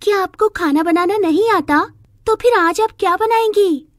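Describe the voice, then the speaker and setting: A woman's voice: very high voice, normal speed, dry recording, clean studio sound, voice pushed up. A woman voicing a polite young sister-in-law.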